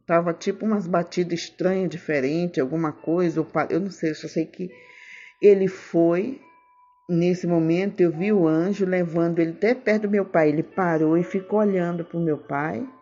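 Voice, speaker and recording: Woman preacher, fervent testimony, mellow voice, muffled recording with soft music under it. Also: steady tone, normal speed. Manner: fervent, repeats phrases, voice climbs high when moved. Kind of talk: emotional testimony and sermon. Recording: dull lo-fi recording with faint music.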